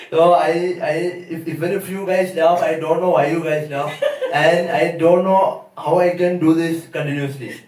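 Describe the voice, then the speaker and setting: A man from Kerala with a Malayali Indian English accent, doing halting open-mic stand-up, nervously rambling and repeating his words. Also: a little high, fairly even intonation, darkish tone. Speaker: amateur stand-up comedian. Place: live open-mic venue, small audience. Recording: echoey room, far from mic.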